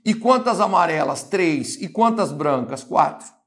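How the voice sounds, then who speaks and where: A man teaching biology, solving an exam question step by step in a lively, repetitive way with a Brazilian Portuguese accent. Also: fairly high pitch, a little slow. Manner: lively, talks through steps, repeats "olha lá".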